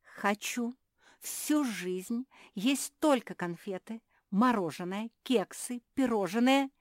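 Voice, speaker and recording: A sweet-toothed pug girl who squeals with eagerness, her voice high and drawn out, as a woman reads her part. She sounds greedy and breathless. The recording is dry and close. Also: expressive, slow, no room sound. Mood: excited greedy.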